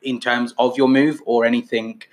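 A man in his twenties hosting a podcast, asking his co-host questions in a friendly, casual way. His voice sits in a middle pitch, and he talks loosely with plenty of fillers. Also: little pitch movement, moderate pace. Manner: friendly, interviewing, many fillers. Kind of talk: casual chat.

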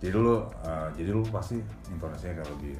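A man's voice: low-pitched, fast talker, roomy sound, music in the background. A news anchor man talking casually about his work, slipping English phrases into his speech and laughing often. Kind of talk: casual podcast interview.

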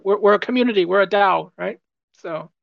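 A man's voice: sits high, brisk, vocal fry, no room sound, muffled recording. A man on a community call, answering in a chatty way, repeating words and asking "right?". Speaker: project team member. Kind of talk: casual AMA chat.

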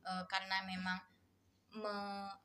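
A woman's voice: medium pitch, monotone, takes it slowly, pushed and bright, slight background noise. A woman hosting an interview show, asking her guest questions in a friendly, chatty manner. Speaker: interview host.

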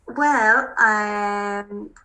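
Casting: woman, west of Ireland accent, bright forward voice, chatty and emphatic, casual podcast guest telling stories. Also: medium pitch, very slow. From Mayo, west of Ireland. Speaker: podcast guest, primary school teacher. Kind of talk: casual interview, anecdotal.

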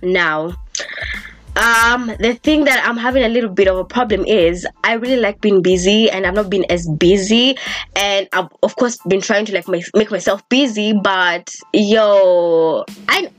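A young woman hosting a casual solo podcast, talking in a chatty, animated way and swearing freely. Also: mid-range voice, normal speed, faint music behind. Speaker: podcast host.

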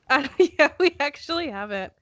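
A woman's voice: sits high, lively intonation, unhurried, a bit bright, no echo. A young woman with a stuffy, congested nose, co-hosting a casual chat in a giggly, rambling way. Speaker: podcast co-host.

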